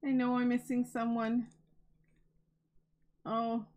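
A woman's voice: on the high side, monotone, slow, darkish tone, low-quality recording. A woman hosting a crafting vlog, unboxing donated yarn in a gushing, emotional, chatty way, close to tears. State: near tears. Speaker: crafting channel host.

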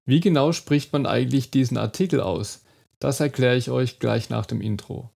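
A man teaching German pronunciation in an online lesson, demonstrating sounds slowly and carefully. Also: medium pitch, gravelly, darkish tone.

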